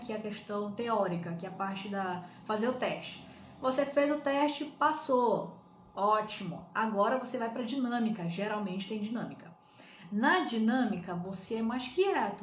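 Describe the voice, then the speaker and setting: A woman with a Brazilian accent coaching her listeners through practical steps, often asking a question and answering it herself. Her voice sounds roomy and echoey. The recording is dull and lo-fi with a faint hiss behind it. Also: on the high side. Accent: Brazilian Portuguese. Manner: explains step by step with rhetorical questions. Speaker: coach on shyness. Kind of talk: live-stream advice talk.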